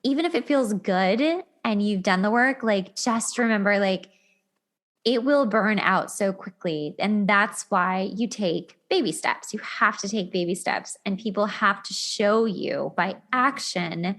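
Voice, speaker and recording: Hosting a laid-back podcast on relationships, a woman talks at a measured pace in a mid-range, slightly bright voice. She's emphatic, says things over again, and acts out imagined reactions as she recounts anecdotes.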